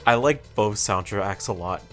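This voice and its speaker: A man with a lowish voice joins a game stream, dropping brief, easygoing comments. Faint game music sits behind him. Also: a little slow, fairly bright tone. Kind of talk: casual chat while gaming.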